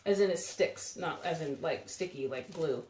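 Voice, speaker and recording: A woman's voice: low voice, expressive, a little slow, a little mellow, roomy sound, slight background noise. A woman hosting a live crafting demo from her home craft room, chatting and rambling with viewers as she works with her hands. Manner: chatty, rambling, giggly, talks while working with her hands. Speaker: craft video host.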